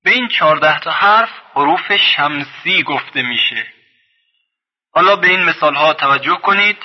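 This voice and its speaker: A man teaching a recorded lesson on reading the Quran. He draws out each example word slowly, then explains briskly. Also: a little high, expressive. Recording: dull lo-fi sound with long reverb.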